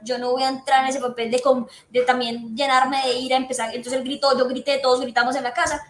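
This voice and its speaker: A woman's voice: high voice, level tone, quick pace. A woman psychiatrist, giving an earnest, explanatory talk to patients' families and repeating her key points. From Colombia. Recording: echoey room with faint background noise.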